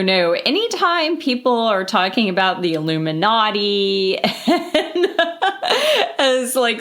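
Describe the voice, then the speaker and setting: A woman's voice: medium pitch, a bit bright. A woman co-hosting a podcast, casual chat with a wry, skeptical manner. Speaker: podcast co-host.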